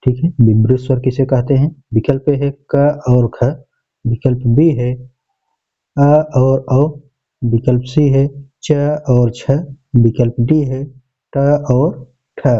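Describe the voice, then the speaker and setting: Male teacher, mid-pitched, methodical exam walkthrough, lo-fi recording. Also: mellow. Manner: methodical, reads out each option, repeats "okay" often. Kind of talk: exam paper walkthrough lesson.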